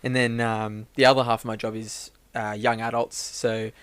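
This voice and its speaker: A man's voice: mid-range voice, moderate pace, clean tone, no echo. Laid-back man, dry sound. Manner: relaxed, lots of fillers and restarts. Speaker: church staff member and podcast co-host. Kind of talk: casual chat and rambling joke-telling.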